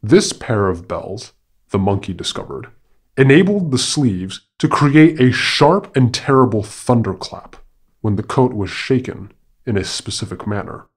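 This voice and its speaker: A man with a low voice tells a forest fable for a podcast in scripted narration. His delivery is deliberate and formal, lingering over the phrases. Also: expressive, slightly rough. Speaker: podcast storyteller.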